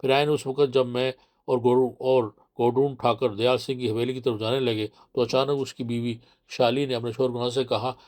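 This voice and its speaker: A man narrating a horror novel in a steady, measured reading voice. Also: mid-range voice.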